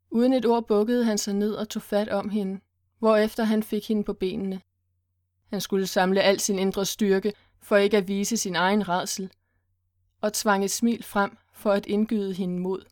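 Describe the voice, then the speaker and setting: A woman narrating a tense story in a steady storytelling voice. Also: mid-range voice, no room sound, clean studio sound. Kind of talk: audiobook narration.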